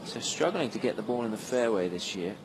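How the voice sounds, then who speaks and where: A man's voice: fairly low pitch, lively intonation, fairly quick, noisy background. A man hosting a live golf broadcast with sports commentary. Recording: music behind the voice. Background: music.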